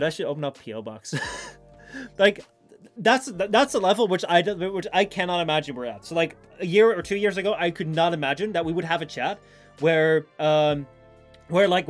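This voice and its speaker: A man live streaming in a casual, rambling, informal chat with his viewers. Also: fairly high pitch.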